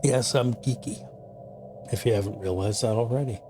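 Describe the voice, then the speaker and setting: Laid-back man in his fifties playing a game. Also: mid-range voice. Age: 50s. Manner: chatty and self-deprecating, slows down to read game text aloud. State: sleepy, yawning. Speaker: gaming channel host. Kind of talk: casual gameplay commentary. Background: game music.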